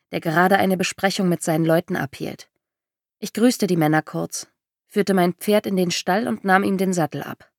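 Woman audiobook narrator, lowish voice, dry close sound, measured storytelling. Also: no echo. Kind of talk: first-person novel narration.

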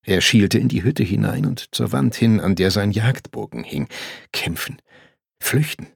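A man reading a historical novel aloud as an audiobook narrator, in a measured storytelling manner. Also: lowish voice, creaky, slightly rough, no echo, studio quality.

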